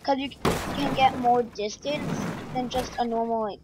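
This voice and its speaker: A woman giving casual gameplay commentary, chatty with many fillers and sudden excited outbursts. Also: fairly high pitch, moderate pace. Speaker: gaming video creator. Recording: loud game noise behind voice. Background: game sounds and vehicle noise.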